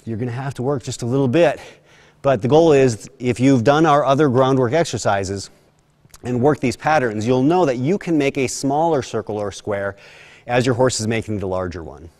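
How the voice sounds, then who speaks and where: A man's voice: mid-range voice, a little mellow. A man horse trainer giving hands-on instruction in a horse arena, chanting rhythmic counts while he explains, with light self-deprecating asides.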